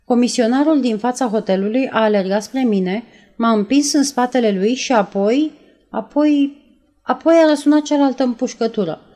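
A woman reading aloud and voicing a nervous young woman who retells events in a breathless, halting way. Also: fairly high pitch, warm tone, close to an everyday voice. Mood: shaken. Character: nervous young woman, shaken after a shooting.

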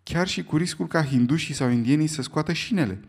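A man doing an indignant, excitable club gentleman. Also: a little high, vocal fry, husky, voice pushed up. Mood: exclaiming. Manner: indignant, raised and exclamatory. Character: excitable, easily offended English club gentleman.

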